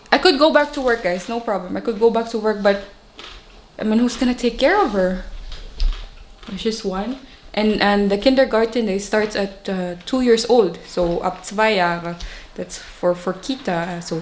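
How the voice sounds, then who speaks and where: A young woman with a Filipino accent, chatting casually and rambling, laughing often. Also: medium pitch. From Philippines. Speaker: vlogger. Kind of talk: casual chat. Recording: echoey room, faint noise.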